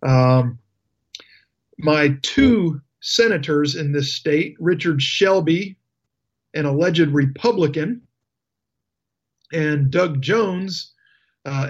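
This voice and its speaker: Male talk radio host, indignant political rant, sarcastic, unhurried, dull lo-fi radio sound. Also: fairly high pitch. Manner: indignant, emphatic ranting with sarcasm.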